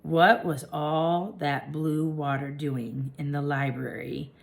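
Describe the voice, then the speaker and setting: A woman narrating a children's audiobook in a gentle, wondering storytelling manner. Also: sits low, steady tone, slow, gravelly.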